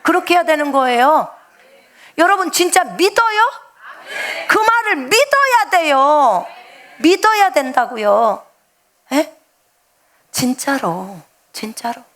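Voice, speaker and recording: A fairly high-pitched woman preaches to her congregation as a missionary. She jokes with them and talks to them directly. Her delivery jumps between loud, emphatic lines and quiet asides. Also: big pitch swings, slow pace, pauses often. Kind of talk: afternoon church sermon.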